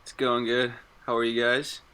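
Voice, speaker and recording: A man's voice: medium pitch, completely flat delivery, moderate pace, bright, forceful tone, smooth. Easygoing twenty-year-old man. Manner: easygoing, laid-back. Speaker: podcast co-host, college student. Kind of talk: casual chat.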